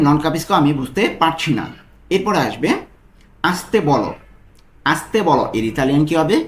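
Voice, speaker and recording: Man teaching slowly in an echoey room. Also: a little high, a bit bright. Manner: slow, repeats each phrase and explains word by word. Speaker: language tutor. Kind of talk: language lesson.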